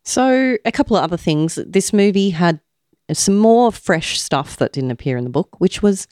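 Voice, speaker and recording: A woman's voice: mid-range voice, lively intonation, normal speed, darkish tone, no room sound, clean studio sound. A woman co-hosting a podcast, chatting casually and animatedly about a film, opinionated and swearing freely. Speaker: podcast co-host reviewing a film. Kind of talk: casual chat.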